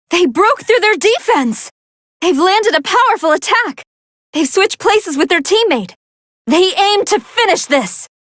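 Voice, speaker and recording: A woman's voice: very high voice, fairly bright tone, no echo, clean studio sound, heavily acted. A woman voicing a brainy female android scientist who gives articulate, analytical commentary on battles in a video game. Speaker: fight commentator.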